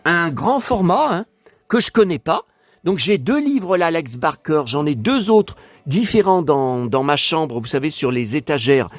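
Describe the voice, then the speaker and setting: A man casually vlogging about collector books, excitable and rambling, talking straight to his viewers. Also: on the high side, a little slow, dry recording.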